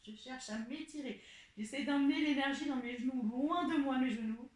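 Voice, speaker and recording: A woman teaching a pilates class, calmly cueing each breath and movement step by step. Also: high voice, normal speed, a little hiss or hum. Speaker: pilates instructor. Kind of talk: guiding an exercise class. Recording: echoey room.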